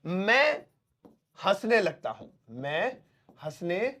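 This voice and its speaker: A man teaching spoken English who explains patiently, calls his viewers friends and repeats each example sentence slowly, word by word. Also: high-pitched, sing-song, bright, forceful tone.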